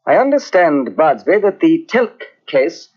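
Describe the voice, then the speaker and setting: A brisk, probing police inspector. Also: male voice, fairly high pitch, sing-song, a little mellow. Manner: clipped, polite, probing. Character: brisk male police inspector, dogged and courteous. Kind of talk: 1950s radio drama acting. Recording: dull old radio transcription.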